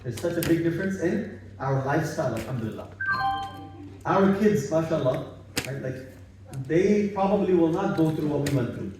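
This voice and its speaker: Over music, a man from Bangladesh with a slightly high voice and lively intonation speaks at a moderate pace, giving an informal religious talk to a study circle in a private house. He repeats points and uses tag questions to get agreement, recorded from a distance in an echoey room.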